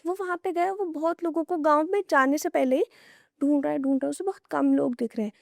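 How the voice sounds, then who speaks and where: High-voiced young woman telling horror tales. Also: fast, gravelly, no echo, clean studio sound. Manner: casual, draws the listener into hypotheticals. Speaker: horror storyteller guest. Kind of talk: conversational horror storytelling on a podcast.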